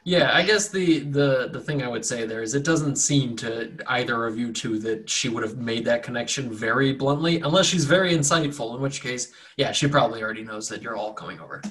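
A man's voice: medium pitch, fairly quick, few pauses, fairly bright tone, a little hiss or hum. A man running a tabletop game, narrating and bantering casually as game master.

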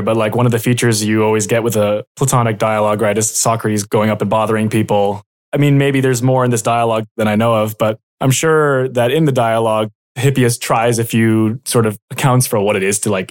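Quick low-voiced guy interviewing, casual, lots of "like" as he thinks out loud. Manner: casual, thinking aloud, many "like"s. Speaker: podcast interviewer. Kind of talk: interview questions.

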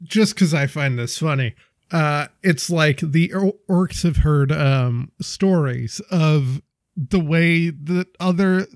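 A man's voice: a little high, takes it slowly, no echo, studio quality. A young man co-hosting a podcast, brainstorming casually with lots of fillers, restarts and laughter. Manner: rambling, laughs often, many fillers and restarts. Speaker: podcast co-host.

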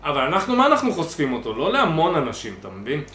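A man, co-hosting a podcast, talking loudly and telling stories in casual banter. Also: fairly high pitch, echoey room. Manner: loud, animated storytelling. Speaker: podcast co-host.

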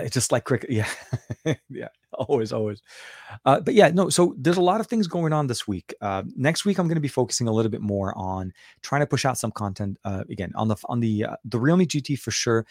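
A man's voice: on the low side, darkish tone, no echo, clean studio sound. A middle-aged man hosting a casual tech livestream, rambling and rephrasing as he chats with viewers, his voice slightly coarse and worn from a night out. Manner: rambling, repeats and rephrases words. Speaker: tech reviewer and livestream host.

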